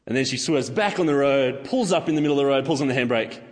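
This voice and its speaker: A man's voice: medium pitch, fast. A man preaching a sermon, telling stories casually and acting out what people say. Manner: casual storytelling with acted-out quotes. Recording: long hall reverb.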